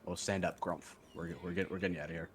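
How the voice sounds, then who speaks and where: Fast-talking, deep-voiced man playing a tabletop game. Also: little pitch movement, faint music behind. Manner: rambling, hedging, heavy use of "like". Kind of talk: casual in-game chat. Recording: faint background noise.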